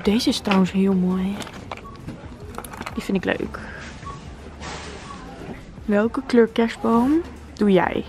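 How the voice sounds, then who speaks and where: A woman's voice: mid-range voice, warm tone. Chatty young woman vlogging while shopping. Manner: chatty, enthusiastic, asks viewers questions. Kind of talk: casual shopping vlog chat. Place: home living room, then inside a store.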